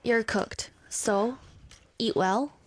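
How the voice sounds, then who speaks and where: A woman in her twenties hosts a radio show with a fairly high voice. She teases her co-host bluntly and playfully in loose on-air chat from a studio. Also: very slow. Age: 20s.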